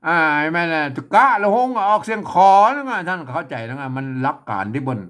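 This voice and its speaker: A man teaches how to read an old script. His voice sits fairly high and swings widely as he sounds out each word several times. He chuckles often between words. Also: very animated, fairly quick, a bit bright. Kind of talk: casual reading lesson.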